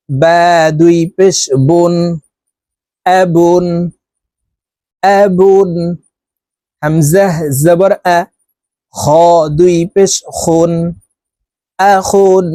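A man teaching Quran letter pronunciation, reciting each letter and syllable slowly and clearly, with quick explanations in between. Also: on the high side, warm tone, no echo. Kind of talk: slow recitation drill.

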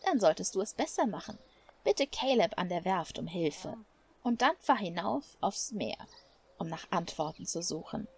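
A woman voicing a stern, protective elderly woman in a game, speaking slowly and gravely. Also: fairly low pitch, lively intonation, darkish tone. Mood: reproachful. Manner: stern, scolding, slow and weighty. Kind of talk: game dialogue read aloud. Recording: faint music behind.

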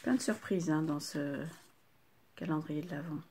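Older woman host, gravelly lowish voice, chatty and delighted while unboxing crafts, faint noise behind. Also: normal speed. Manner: chatty, gushing exclamations over each item. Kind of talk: casual unboxing chat to viewers.

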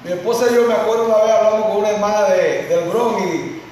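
A male pastor with a high voice preaches, lively and speaking directly to his congregation. His words ring around a large church hall, caught from far off, over a faint hiss. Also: fast talker. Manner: lively, acts out congregants, addresses listeners directly. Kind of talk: sermon.

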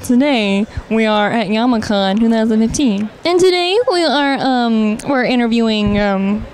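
A woman's voice: on the high side, animated, measured pace, darkish tone, a little hiss or hum. A woman voicing a perky female TV news reporter, talking in a chirpy, mock-professional way.

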